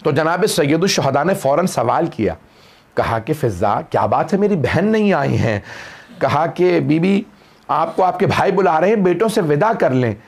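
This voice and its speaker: High-voiced guy doing a mourning sermon, wails up high at the sad parts. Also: expressive, normal speed. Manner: lamenting recital, rising to wailing high cries when quoting. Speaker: Shia cleric reciting a majlis.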